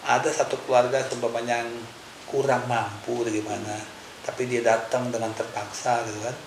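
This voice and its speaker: A man's voice: mid-range voice, flat delivery, a little fast. A man co-hosting a casual religious discussion, explaining his point through everyday examples. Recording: echoey room with faint hiss.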